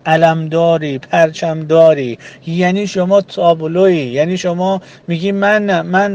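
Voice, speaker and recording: A man giving an earnest religious talk to a group, speaking in rhythmic lists with frequent pauses. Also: a little high, a little mellow, dull audio.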